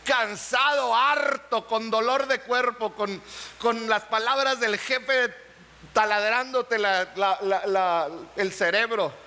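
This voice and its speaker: High, bright-voiced pastor preaching. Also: male voice, slow pace. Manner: animated preaching, asks the congregation questions, acts out little dialogues. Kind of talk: sermon. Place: church hall.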